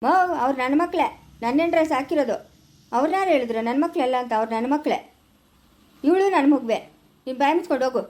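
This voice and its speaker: A woman's voice: high-pitched, quick pace, pauses often, lightly acted. A woman playing a defiant village son. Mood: stubborn. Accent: rural Chikkaballapura Kannada. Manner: curt, dismissive, then soft cooing with a baby. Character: grown village son, defiant and sharp-tongued. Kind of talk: amateur family skit.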